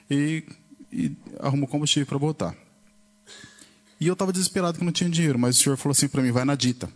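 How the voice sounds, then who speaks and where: A man with a Brazilian Portuguese accent giving an emotional church testimony, acting out the dialogue with rising pitch. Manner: storytelling, acts out the dialogue with shifts of pitch.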